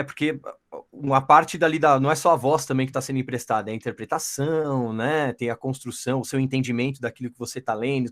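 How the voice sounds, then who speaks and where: A man hosting a casual chat, talking haltingly and reaching for words. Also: mid-range voice. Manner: halting, many fillers and restarts.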